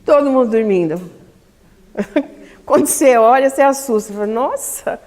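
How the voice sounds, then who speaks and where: A woman's voice: a little high, moderate pace, a little mellow. A Brazilian woman teaching public speaking at a seminar, talking emphatically and asking the audience questions. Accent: Brazilian Portuguese. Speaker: lecturer at a spiritist center seminar. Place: community hall. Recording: long hall reverb.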